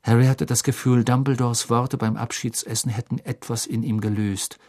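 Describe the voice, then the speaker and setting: A man's voice: mid-range voice, fairly even intonation, normal speed, a little mellow. A man narrating a fantasy novel as an audiobook, telling the story expressively. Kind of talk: scripted narration.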